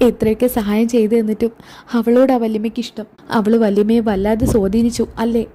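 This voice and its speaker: A woman's voice: flat delivery, a little fast, mellow, natural voice. A woman voicing a jealous young married woman, whiny and accusing. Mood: hurt. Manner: whiny, accusing, raised pitch.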